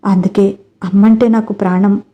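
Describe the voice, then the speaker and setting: A woman's voice: medium pitch, little pitch movement, moderate pace, mellow, dull audio, close to an everyday voice. A woman voicing a grateful young man raised in an orphanage, speaking earnestly and from the heart. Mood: heartfelt.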